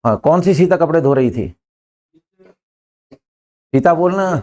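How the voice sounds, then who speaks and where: An older man teaching an English class in a classroom, brisk and joking, pushing students to answer quickly. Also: fairly high pitch, animated, darkish tone.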